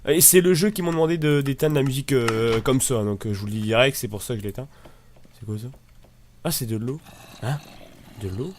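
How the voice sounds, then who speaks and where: A man with a northern French accent talks through a game in a loose, rambling way, tossing in the odd mild curse. His voice sits at an ordinary pitch, with faint noise behind it. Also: brisk, a little mellow. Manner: chatty, rambling, swears lightly. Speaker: gamer. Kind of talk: casual let's-play commentary.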